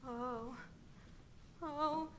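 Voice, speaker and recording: A woman's voice: sits high, extremely slow, a little hiss or hum. A young woman playing a dramatic, flighty showgirl bride in a stage musical. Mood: flustered. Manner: theatrical, gushing.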